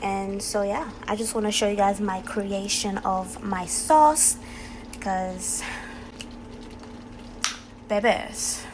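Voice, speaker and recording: A woman's voice: medium pitch, slow pace. A woman chatting casually and informally to her viewers as a home cooking vlogger, unscripted, in a kitchen. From Haiti or Haitian family. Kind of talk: casual vlog chat to viewers while cooking. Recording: clearly noisy home recording.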